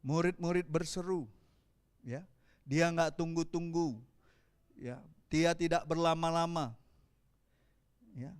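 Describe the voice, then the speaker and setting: A man with a Palembang accent preaching a sermon as pastor, animated and calling out to the congregation. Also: on the high side, takes it slowly, pauses often, smooth.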